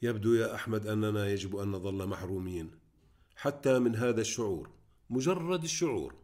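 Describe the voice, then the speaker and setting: A man's voice: lowish voice, animated, brisk, a little mellow, lightly acted. A man reading aloud, voicing an earnest young man who opens up about himself.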